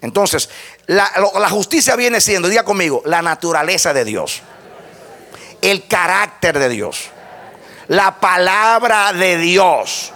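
A man's voice: high-pitched, animated, unhurried, creaky, pushed and bright. A man preaching a sermon, teaching step by step and asking the congregation to repeat phrases after him. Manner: spells out points step by step like a lesson.

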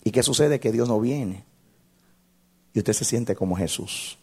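A male pastor telling a story in a sermon, dramatic, swinging from shouts to hushed tones. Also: medium pitch, unhurried, breathy edge.

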